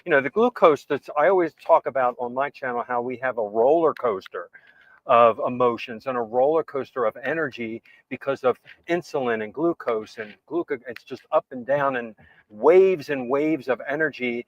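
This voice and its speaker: A man's voice: medium pitch, moderate pace, no room sound. A man hosting a casual chat, earnestly agreeing with his guest and building on the points. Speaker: host. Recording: dry, dull lo-fi sound.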